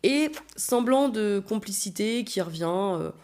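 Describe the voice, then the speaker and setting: A woman hosting a podcast, telling a personal story in a blunt, animated way and acting out the lines of the people in it. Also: mid-range voice, unhurried. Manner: blunt, animated, acts out quotes. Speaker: podcast host. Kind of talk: casual storytelling.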